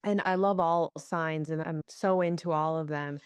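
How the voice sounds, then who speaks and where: Podcast host, woman, low voice, dry close sound, earnest and reflective. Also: fairly even intonation, moderate pace, clear, resonant tone, dry recording. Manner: earnest, musing, asks open questions.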